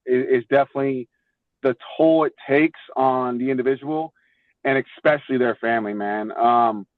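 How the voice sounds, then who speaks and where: Telling stories casually on a podcast, a young former baseball player from Florida, United States, talks at normal speed in a mid-range voice and often repeats words. The recording is dry, with a tinny, phone-line quality.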